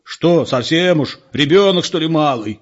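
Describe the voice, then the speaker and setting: Male reader doing a gruff man, mocking and loud. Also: a little high, animated, measured pace, pitched above the performer's own voice. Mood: angry. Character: burly man, scalded and furious. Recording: dull lo-fi audiobook recording.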